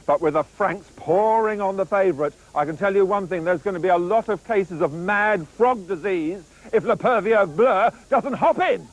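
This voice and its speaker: Man, high voice, live betting report, colourful jokey slang, racing broadcast. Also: moderate pace, few pauses, rough recording.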